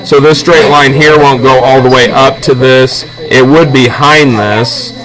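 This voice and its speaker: A man of medium pitch speaks a little slowly and steadily as he instructs students in drawing, one step after another, with brief check-in questions. He's an art teacher in a classroom, and the rough recording carries the surrounding chatter.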